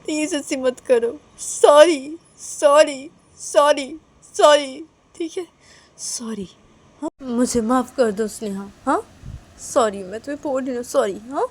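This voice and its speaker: A woman's voice: sits high, slow, voice pushed up. Woman doing a tearful pleading young woman. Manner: pleading, repeating apologies, crying. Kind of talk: storytelling role-play.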